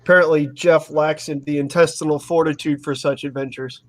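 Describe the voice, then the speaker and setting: A man in his early thirties ribs his friends in relaxed, profane banter. His voice sits a little high for a man. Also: a little fast. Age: 30s. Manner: teasing and profane. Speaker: tabletop gaming group member. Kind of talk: casual chat.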